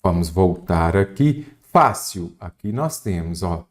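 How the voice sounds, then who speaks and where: Lively Brazilian man teaching grammar. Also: mid-range voice, normal speed. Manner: animated explaining, stresses syllables and asks the viewer questions. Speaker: Portuguese teacher for exam prep. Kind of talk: exam-prep grammar lesson.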